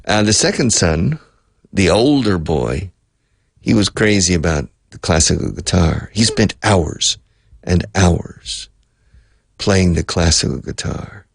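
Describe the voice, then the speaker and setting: An older man, a radio host, tells a rambling story from his youth, reminiscing and correcting himself along the way. His voice sits low and sounds gravelly and slightly rough, with lively intonation and a slow pace. The recording has no room sound.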